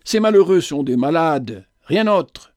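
A man's voice: a little high, expressive, a little slow, a little mellow, no room sound, clean studio sound. A man reading a skeptical learned doctor. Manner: rational, explanatory. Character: learned physician, skeptical and composed.

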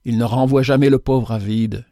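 A man's voice: medium pitch, steady tone, normal speed, warm tone, dry recording, clean studio sound, lightly acted. A man voicing a meek, ragged beggar who tells his story earnestly and humbly.

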